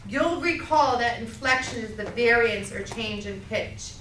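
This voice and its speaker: Loud Massachusetts woman lecturing a class. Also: a little high, a little slow, far from the mic, a little hiss or hum. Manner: loud, projecting, peppered with "okay?". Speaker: college speech instructor. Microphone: camera at a distance. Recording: echoey classroom recorded from afar.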